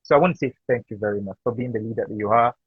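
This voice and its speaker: A man's voice: fairly low pitch, rapid-fire, husky, no room sound, phone-quality sound. A man hosting a live online interview, thanking his guest effusively and asking questions. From Nigeria. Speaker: host.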